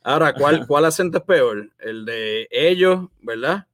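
A man's voice: fairly high pitch, animated, unhurried, fairly bright tone, no echo, clean studio sound. A man co-hosting a casual film review podcast, teasing and reading out viewer comments. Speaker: podcast co-host.

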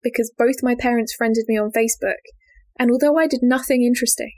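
A woman's voice: fairly high pitch, steady tone, fast talker, darkish tone. A young woman co-hosting a casual chat, telling stories and laughing often. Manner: chatty, laughs often, acts out quoted family members. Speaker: podcast co-host.

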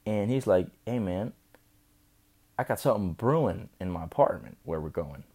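A man's voice: on the low side, lively intonation, normal speed, a little mellow, husky. A young man telling a rambling, profane story while drunk and slurring his words. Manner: loose, profane, chatty. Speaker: vlogger.

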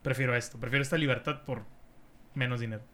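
Young man, Mexican accent, slangy profane chat, bright timbre. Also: medium pitch, steady tone, fast talker. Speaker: streamer and podcast host. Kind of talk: casual chat.

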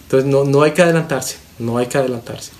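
A man's voice: medium pitch, quick pace, a little mellow, a little hiss or hum. A man, a pastor and counselor teaching, emphatic, stacking rhetorical questions and repeating words for stress.

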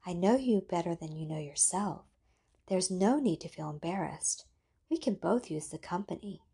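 A seductive, possessive female computer from an audiobook tale, voiced by a woman reader. She coaxes in a soft, ethereal murmur, low in pitch and slightly breathy. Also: animated, normal speed, full character voice.

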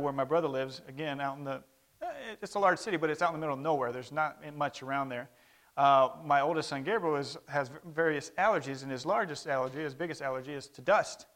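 A Brazilian-raised man in his thirties, Portuguese being his native tongue, talks conversationally to a church in a missionary report, calling for amens. His voice is medium-pitched with a fairly bright tone.

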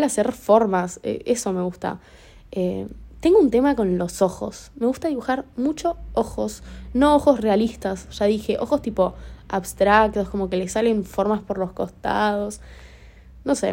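A woman's voice: mid-range voice, warm tone. A young woman with a Rioplatense Spanish accent, hosting an improvised solo podcast in a rambling, chatty way full of fillers. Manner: rambling, chatty, many fillers like "tipo" and "o sea". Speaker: podcast host.

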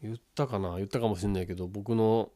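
A man's voice: on the low side, quick pace. A man from Osaka with a Kansai accent, hosting a casual late-night style chat and telling stories with lots of laughter. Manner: animated storytelling, laughs often. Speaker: radio-style podcast host.

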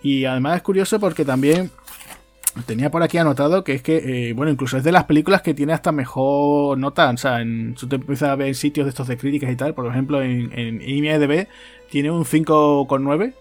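A man's voice: mid-range voice, brisk, faint music behind. A man co-hosting a casual film podcast, chatty and conversational, often tagging his sentences with a questioning aside. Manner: chatty, tags phrases with "¿no?". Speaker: podcast co-host.

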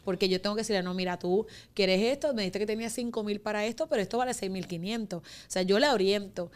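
A woman's voice: medium pitch, quick pace. A woman wedding planner with a Puerto Rican Spanish accent, chatting as a podcast guest and acting out her clients' voices as she tells stories. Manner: animated storyteller, acts out clients' voices. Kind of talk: casual chat.

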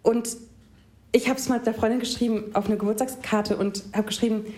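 A young woman chats as a podcast guest, lively and enthusiastic, often laughing as she acts out little quotes. Her voice sits a touch high with a soft, mellow tone. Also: a little fast. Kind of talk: casual interview chat.

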